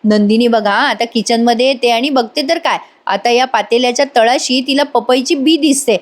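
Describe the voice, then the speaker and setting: A high-voiced woman narrates a TV serial episode as a voice-over review. She speaks chattily, turning often to address her viewers directly. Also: moderate pace.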